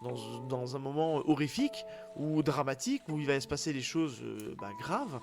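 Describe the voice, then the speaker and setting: A man's voice: mid-range voice, animated, normal speed, vocal fry. A man with a tired, worn voice after a day out in the cold, chatting casually and enthusiastically as a podcast co-host reviewing manga. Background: music behind the talk.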